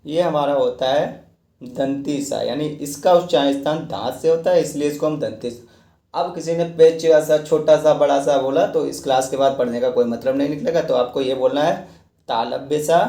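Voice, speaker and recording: Male teacher, mellow higher voice, repeats and quizzes himself, roomy echo. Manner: explains step by step, repeats points, asks and answers his own questions. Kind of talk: classroom lecture. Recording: echoey room.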